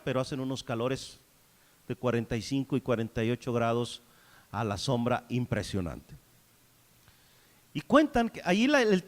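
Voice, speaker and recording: Male preacher, high voice, loud pleading prayer, hushed anecdotes. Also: in a large hall. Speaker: pastor. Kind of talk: sermon.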